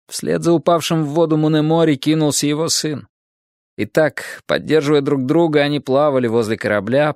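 A man narrating a history audiobook in a measured, dramatic storytelling manner. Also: mid-range voice, no room sound, studio quality.

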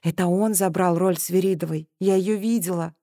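Смелая молодая женщина-сыщица, говорит обвиняюще и напористо, её читает чтица. Аудиокнига, сухой близкий звук. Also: female voice, on the low side, fairly even intonation, moderate pace, dark tone, no echo, clean studio sound, lightly acted. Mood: tense. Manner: accusing, then shaky. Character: young woman amateur sleuth, bold but frightened.

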